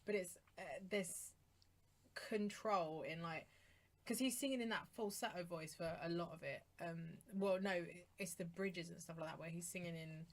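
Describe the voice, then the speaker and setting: A woman's voice: fairly low pitch, normal speed. A British woman co-hosting a podcast, chatting casually and enthusiastically about songs, often rambling and laughing. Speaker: podcast co-host. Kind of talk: casual chat reviewing songs.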